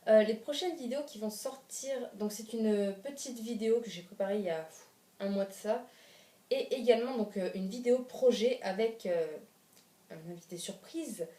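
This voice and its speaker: Woman vlogger, chatty and rambling, dark tone, mic set back in a roomy space. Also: mid-range voice. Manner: rambling, many fillers and restarts. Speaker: YouTuber. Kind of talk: casual FAQ vlog. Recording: roomy sound, from a distance.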